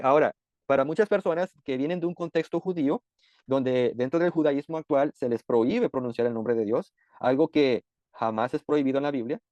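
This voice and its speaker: A man teaching a sermon-style Bible lesson, explaining patiently frequent "eh" pauses. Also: medium pitch, warm tone, no echo, lo-fi sound.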